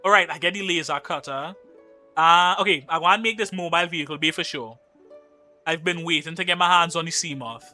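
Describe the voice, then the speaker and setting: Chatty and joking, a young Trinidadian streamer from Trinidad and Tobago reads viewer messages aloud while playing a game, with faint game music underneath. His voice is a little high and very bright, and he talks briskly.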